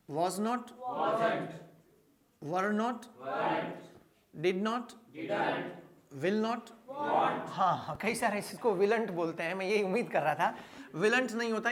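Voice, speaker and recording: A man with an Indian accent teaching a spoken English class, quizzing his listeners and repeating each answer aloud. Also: high voice. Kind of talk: classroom lecture.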